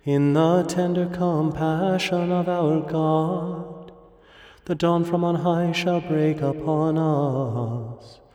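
A man leading morning prayer, reciting the liturgy in a solemn, measured and partly intoned way. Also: a little high, warm tone. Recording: echoey church-like hall, long reverb, music.

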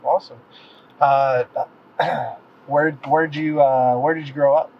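A man's voice: fairly high pitch, fairly even intonation, slow pace, creaky. A man hosting a weekly podcast, upbeat and friendly, asking short questions. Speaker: podcast host. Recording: slightly dull lo-fi sound with faint noise.

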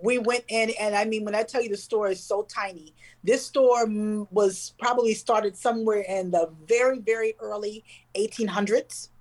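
A woman co-hosting a casual chat, describing things with warm enthusiasm. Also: mid-range voice, fairly even intonation, moderate pace, few pauses, low-quality recording.

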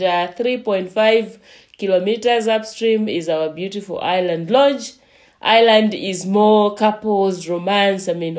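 A woman from Zambia, a lodge manager, talking slowly with many pauses as a guest in a remote interview. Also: mid-range voice. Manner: slow, unhurried, with frequent pauses.

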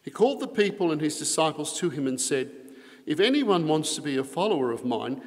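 Priest preaching with cathedral echo. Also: male voice, fairly high pitch, big pitch swings, brisk, darkish tone. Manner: earnest preaching with strong emphasis on key phrases. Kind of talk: Mass gospel reading and homily. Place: large church. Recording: long echoing reverb of a large church.

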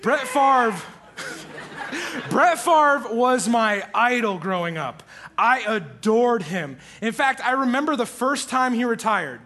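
A young man from Iowa, USA, a church resident, introduces himself to the congregation from the church stage with playful, self-deprecating humor and frequent laughs. His voice is very high, sharp and expressive, and he speaks slowly. There's a little hiss or hum.

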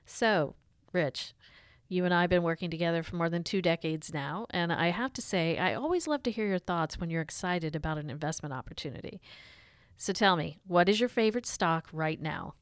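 A woman's voice: fairly low pitch, lively intonation, moderate pace, clear, resonant tone, no echo, studio quality. A woman reading scripted podcast narration and hosting interviews as the presenter. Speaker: podcast host.

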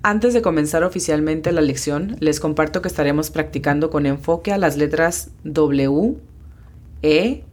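A woman with a notably low voice leads a bilingual language lesson. She explains each sound patiently and slows right down when spelling letters out. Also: a little mellow. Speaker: English teacher hosting a lesson podcast.

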